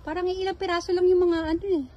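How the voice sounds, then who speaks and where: This vlogger's voice is extremely high in pitch yet level, warm, and fast, with lo-fi sound. She walks through a hillside garden and dog run filming on her phone, talking to viewers, sing-songing to her dog, and occasionally getting breathless.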